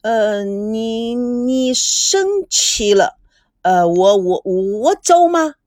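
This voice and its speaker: A woman voicing a nervous foreign man who speaks halting, broken Chinese. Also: very high voice, mellow, no echo, studio quality, pitched above the performer's own voice. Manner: halting, hesitant, slow.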